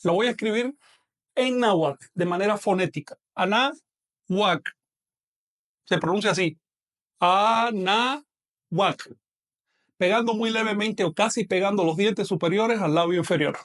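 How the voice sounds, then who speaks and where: High-voiced man teaching a language class. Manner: measured, patient explaining, slows down to model pronunciation. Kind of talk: online lecture.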